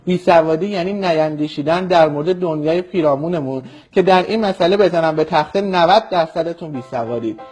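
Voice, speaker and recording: Man, from Iran, political commentator, impassioned monologue, scornful, lecturing, high voice. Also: few pauses, a little mellow, soft background music.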